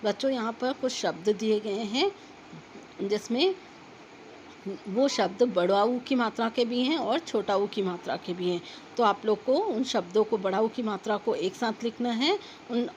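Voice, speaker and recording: A woman teaching a young children's class, slowly spelling out words sound by sound as she reads from a textbook. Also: medium pitch, a little mellow, a little hiss or hum, poor audio. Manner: slow, careful spelling out of sounds for young pupils. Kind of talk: reading a children's textbook lesson aloud.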